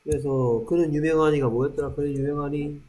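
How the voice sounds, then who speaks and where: A man teaching English in a classroom, slowly repeating English phrases after Korean prompts. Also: a little high, steady tone, dark tone. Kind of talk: classroom drill lesson.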